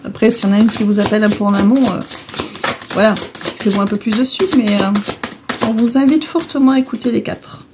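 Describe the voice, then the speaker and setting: A woman's voice: mid-range voice, fairly even intonation, brisk, background noise. A woman giving a casual oracle card reading, explaining each card in a repetitive, hesitant way. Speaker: tarot and oracle card reader.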